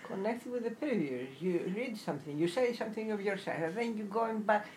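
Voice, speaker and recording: A woman's voice: medium pitch, a little fast, darkish tone, a little hiss or hum. A woman in casual conversation, insisting and scolding as her partner reads a poem aloud. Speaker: listener, reading partner. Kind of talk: casual chat.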